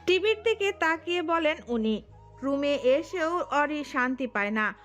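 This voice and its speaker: A woman narrating a romantic audio story in an expressive storytelling manner. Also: high voice, a little slow, soft background music.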